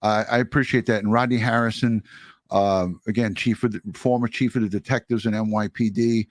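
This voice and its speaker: A man talking casually and appreciatively as a livestream host, in a halting way with pauses. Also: on the low side, steady tone, dry recording. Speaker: true crime livestream host. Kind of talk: casual livestream talk and sign-off.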